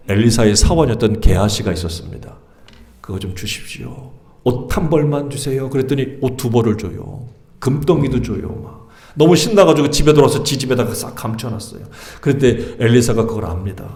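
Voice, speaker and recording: A man's voice: medium pitch, darkish tone, reverberant. A male pastor preaching a sermon in Korean, retelling a story dramatically and firing off rhetorical questions. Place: church sanctuary.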